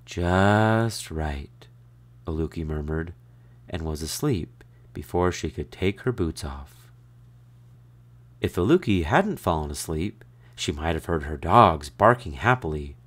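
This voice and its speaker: A man reads a children's storybook aloud in a very low voice. He takes his time and lets his pitch swing widely to keep the story lively. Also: a little slow. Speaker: narrator.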